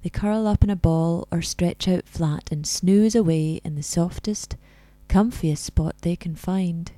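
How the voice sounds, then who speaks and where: A woman leading a scripted guided relaxation in a soft, soothing, breathy spa-like voice that comes close to a whisper. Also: fairly low pitch, measured pace, no echo.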